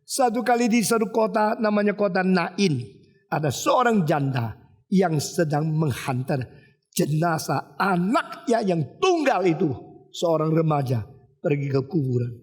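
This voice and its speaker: A man's voice: sits high, sing-song, measured pace, a little mellow. A male pastor preaching a sermon with emphatic, repetitive rhetoric, now and then switching into English.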